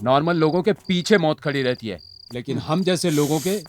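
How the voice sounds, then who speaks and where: An actor dubbing a brooding young male gangster hero who speaks gravely and reflectively. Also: a little high, moderate pace, soft background music, natural voice. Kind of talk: Hindi film dub. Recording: dubbed dialogue over loud film score.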